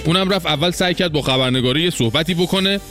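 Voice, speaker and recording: A man's voice: fairly high pitch, a bit bright, soft background music. A man hosting a show with mocking satirical commentary in a colloquial, sarcastic manner. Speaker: host.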